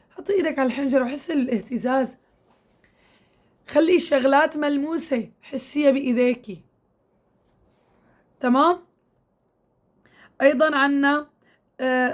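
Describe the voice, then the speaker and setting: A high-pitched woman gives a recitation lesson. She speaks patiently and coaxingly to her women students. She stretches out drill syllables and repeats them slowly. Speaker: Quran recitation teacher. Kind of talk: tajweed lesson to women learners.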